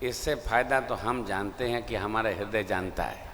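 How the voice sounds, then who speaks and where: A man preaching a devotional sermon, dramatic, swinging from loud emphasis to quiet asides, and now and then breaking into sung verse. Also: fairly low pitch, normal speed, a little hiss or hum. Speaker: katha preacher. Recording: long reverb of a large hall with faint music.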